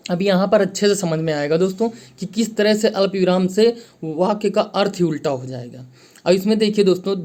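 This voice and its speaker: Higher-pitched man teaching grammar. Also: a little mellow. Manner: repeats key phrases, addresses viewers as friends; slows down to read out example sentences. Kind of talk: Hindi grammar lesson.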